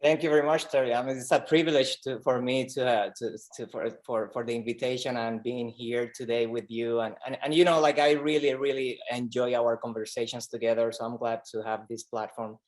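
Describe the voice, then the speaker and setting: A man from Rico, a doctor telling his story in an interview, earnest and halting, with many fillers and repeated words. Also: medium pitch, flat delivery. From Puerto Rico. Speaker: pediatric oncologist guest. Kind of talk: conversational interview.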